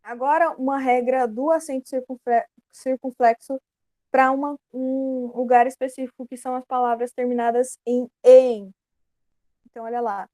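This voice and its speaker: A Brazilian woman teaching a grammar lesson in a relaxed, explanatory way, often correcting herself mid-sentence. Her voice sits a little high but sounds mellow. The recording is dry and close. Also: normal speed, no echo. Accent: Brazilian Portuguese. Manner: explanatory, casual, self-correcting.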